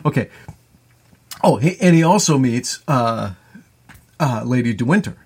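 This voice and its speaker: Male podcast co-host, gravelly, chatty recap style with frequent restarts. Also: medium pitch, lively intonation, unhurried, a little mellow. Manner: rambling, many fillers and restarts. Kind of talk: casual movie recap.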